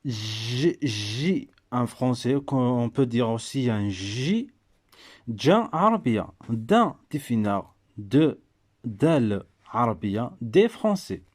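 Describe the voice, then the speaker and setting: A man slowly teaching an alphabet letter by letter, hesitant and full of fillers, switching between languages. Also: mid-range voice, expressive, a little mellow. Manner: slow, hesitant, many fillers. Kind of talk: alphabet lesson.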